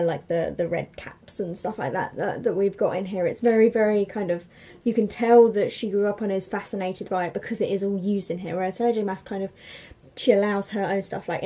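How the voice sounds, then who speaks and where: A woman's voice: medium pitch, dark tone. A young woman giving a chatty, rambling book review with many fillers and restarts. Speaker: book vlogger.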